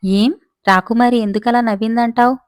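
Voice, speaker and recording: A woman's voice: fairly high pitch, fairly even intonation, moderate pace, no echo, studio quality, natural voice. A woman voicing a naive, lovesick young man who insists and boasts about his love. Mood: insistent.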